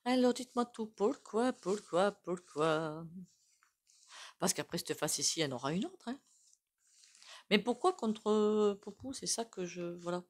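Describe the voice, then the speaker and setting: A woman's voice: medium pitch, animated, normal speed, a little mellow. A woman doing a casual tarot reading, chatty and full of asides to her viewers. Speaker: tarot reader.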